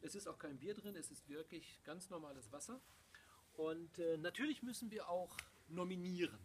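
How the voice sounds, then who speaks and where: A middle-aged man speaks casually to camera as a co-host, in a slightly high voice. He is outdoors in a garden, some way from the microphone, with clear noise behind him. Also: normal speed. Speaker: podcast co-host. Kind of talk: casual unscripted presentation to camera. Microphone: camera mic a few metres away. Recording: noisy outdoor camera recording from a distance.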